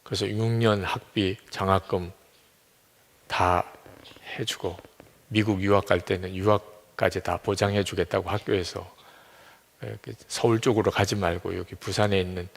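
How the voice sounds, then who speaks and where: A man's voice: low-pitched, steady tone, moderate pace, gravelly. A man preaching as a pastor. He tells a story and changes his voice when he quotes other people. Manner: retells a story, switching voices for quoted speakers. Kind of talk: sermon, storytelling. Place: church sanctuary. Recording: long reverb of a church hall.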